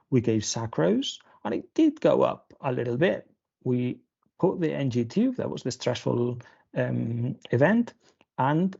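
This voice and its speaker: A pediatrician from Spain giving a webinar lecture, talking through slides with many fillers and restarts. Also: male voice, mid-range voice, gravelly, dark tone, husky. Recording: dull lo-fi webinar audio.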